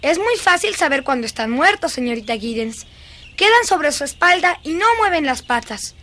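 A woman's voice: high-pitched, sing-song, moderate pace, bright, forceful tone, full character voice. A woman dubbing a dreamy, eerie little girl who is fascinated by dead beetles, in a lingering, singsong, childlike way. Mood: chatty. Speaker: dubbing actress. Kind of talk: film dubbing.

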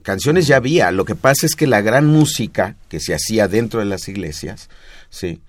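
A man's voice: fairly low pitch, expressive, normal speed, no echo. A man with a Mexican Spanish accent, explaining music history in a didactic, patient way on a radio talk show. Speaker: music expert guest.

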